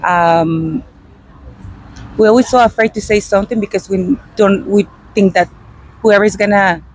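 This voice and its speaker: A woman from Guatemala, interviewed outdoors in front of a restaurant, answering in a halting, hesitant way with many pauses and fillers. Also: medium pitch, steady tone, low-quality recording. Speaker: interview guest. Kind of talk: unscripted street interview.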